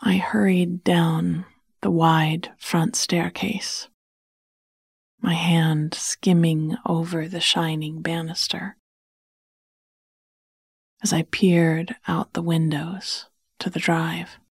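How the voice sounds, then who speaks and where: Woman whispering a slow bedtime story. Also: fairly low pitch, level tone, creaky, slightly rough, dry recording, clean studio sound. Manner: soft, hushed, soothing whisper.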